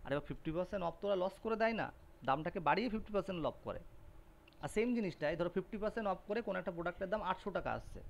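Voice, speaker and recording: A man's voice: sits high, rapid-fire, creaky. A man teaching an online class, explaining with everyday examples and rhetorical questions, his voice breaking up over a glitchy call. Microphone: video call. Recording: muffled lo-fi online call audio.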